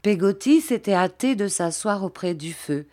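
A woman reading a classic novel aloud in a measured, even storytelling manner. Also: medium pitch. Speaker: audiobook reader.

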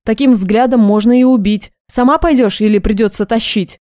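A woman's voice: a little high, moderate pace, warm tone, no echo, studio quality, natural voice. A woman reading the lines of an offhand, mocking male guard in an audiobook. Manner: smirking, offhand.

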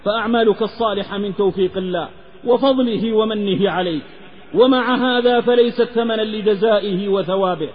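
A man's voice: sits high, fairly quick. A man from the Hijaz preaching a sermon in an impassioned, half-chanted delivery. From Hijaz, Saudi Arabia. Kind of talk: Islamic sermon with a moral tale. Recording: lecture recording with long reverb, slightly dull.

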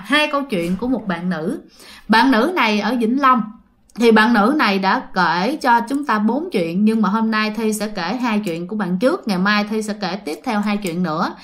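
A woman's voice: a little high, fairly bright tone. Chatty woman storyteller. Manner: chatty, addresses listeners directly. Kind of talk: casual horror storytelling.

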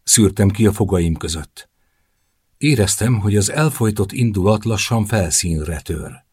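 A man narrating a novel in the first person, as an audiobook, with a measured, intimate storytelling manner. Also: fairly low pitch, lively intonation, a little mellow, breathy edge, dry recording, studio quality.

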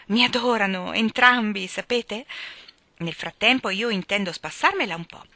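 A woman reading aloud plays a chatty, vain girl of eighteen, all gush and swooping emphasis. The voice is bright and crisp. It is set close in a dry, bare recording. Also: mid-range voice, dry recording, voice pushed up. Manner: theatrical, gushing, swooping emphasis. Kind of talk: audiobook character reading.

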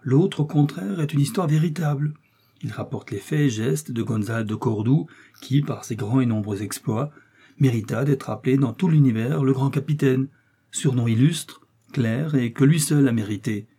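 A man reading the part of a learned village priest, measured and explanatory, in an audiobook. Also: medium pitch, dark tone, husky.

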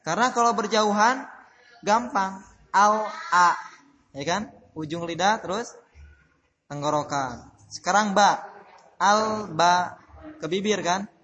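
A man's voice: high voice, a little slow, long pauses, a bit bright, lo-fi sound, slight background noise. A man teaching Quran recitation in a study-circle lesson, explaining patiently, repeating his points and putting questions to his class. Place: religious boarding school classroom.

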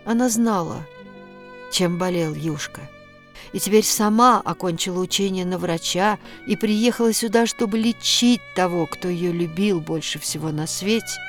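A woman narrating a story in a measured, expressive reading. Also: on the low side. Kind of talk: audiobook narration.

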